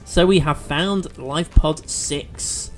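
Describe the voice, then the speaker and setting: A man's voice: a little high, slow, faint music behind. A man chatting through a video game as he plays, thinking aloud with fillers and restarts. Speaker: let's play host. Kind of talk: gameplay commentary.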